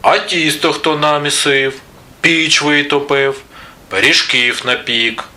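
A man's voice: a little high, fairly even intonation, slow pace, pushed and bright, pitched above the performer's own voice, heavily acted. A man voicing a hardworking, patient rooster in a storybook tale, calling out and coaxing. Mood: questioning.

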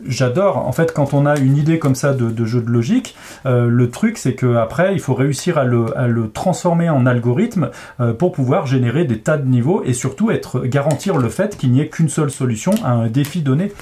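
A man's voice: medium pitch, lively intonation, fairly quick, warm tone. A man who designs games, patiently explaining how a logic puzzle works in a casual chat, with frequent fillers. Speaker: game designer. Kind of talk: explaining a board game casually.

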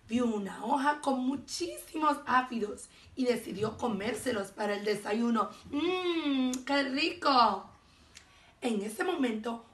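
Woman teacher reading a storybook aloud. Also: a little high. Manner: expressive bilingual storytelling. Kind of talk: reading a picture book aloud. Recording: echoey room, voice from far off.

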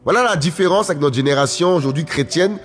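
A man's voice: fairly high pitch, fast talker. A man preaching a sermon emphatically, repeating phrases and calling out to his listeners. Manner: emphatic, repetitive, often calls out to listeners. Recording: faint music, long hall reverb.

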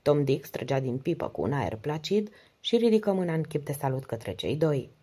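A woman narrating an audiobook in a steady, measured way. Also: low-pitched, husky.

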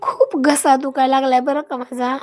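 A woman with a Marathi accent, hoarse from a cough, hosting a casual live stream and greeting and thanking her viewers by name. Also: sits high, level tone, moderate pace, darkish tone.

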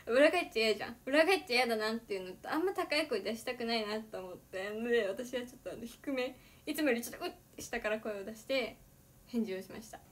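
A woman's voice: on the high side, expressive, fairly quick. A teenage girl, an idol livestreamer, chatting casually and giggling often between sentences. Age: teens.

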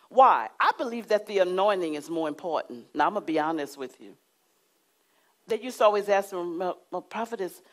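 A middle-aged woman delivers a sermon from a church studio, her voice swinging widely in pitch. She preaches emphatically, with dramatic pauses and drops to a hushed tone. She is recorded close on a lapel mic. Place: church studio with curtain backdrop.

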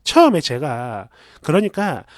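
A man reading a first-person story aloud in a chatty, confiding, expressive way. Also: on the high side, measured pace, no echo, studio quality.

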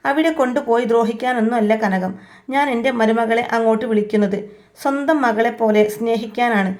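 A woman's voice: on the high side, fairly quick, darkish tone, lightly acted. A woman voicing a proud remorseful matriarch. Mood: firm.

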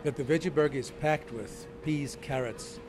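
In a small restaurant with street noise outside, a restaurant owner in his fifties enthusiastically promotes his food during a casual interview. His voice sits fairly high and moves at a moderate pace over background noise.

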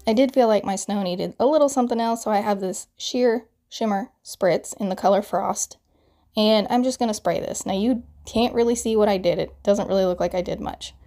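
A woman's voice: medium pitch, a little fast, warm tone, faint music behind. A woman in her thirties with a crackly morning voice, chattily narrating a card-making tutorial voiceover and explaining each step.

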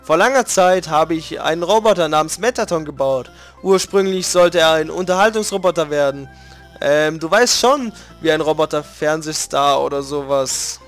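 A man's voice: on the high side, normal speed, faint music behind, lightly acted. A man voicing a nervous, stammering female lizard scientist from a video game, hesitating with many ums and restarts. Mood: nervous, sheepish. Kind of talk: reading game dialogue aloud.

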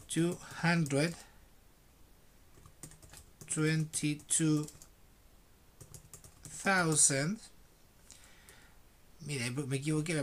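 A man teaching an English class online, switching between slow dictation of numbers and quick explanations. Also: on the high side, fairly bright tone, slight background noise.

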